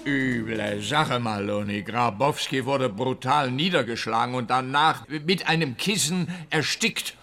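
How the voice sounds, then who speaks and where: An actor playing an officious, slightly scatterbrained police officer in a radio crime drama, speaking with comic earnestness. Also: male voice, medium pitch, a little slow, few pauses, sharp tone, soft background music. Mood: matter-of-fact.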